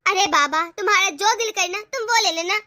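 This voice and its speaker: A woman voicing a kind, agreeable young wife in an animated family cartoon, speaking soothingly to her family. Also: very high-pitched, a little fast, no room sound, studio quality. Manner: warmhearted, soothing.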